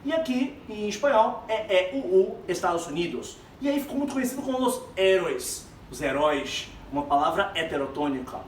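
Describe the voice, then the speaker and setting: A Brazilian man teaching a Spanish lesson, explaining terms to his students in an animated, direct way. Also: sits high, a little fast, few pauses. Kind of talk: classroom lesson mixing Spanish and Portuguese. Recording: echoey room, far from mic, faint background noise.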